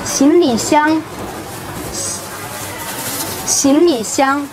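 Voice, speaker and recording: A woman's voice: high-pitched, very slow, rough recording. A woman hosting a casual market vlog for Chinese learners, naming and repeating things simply as she goes. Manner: names and repeats items for learners. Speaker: vlog host teaching Chinese. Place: busy market, on location. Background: music.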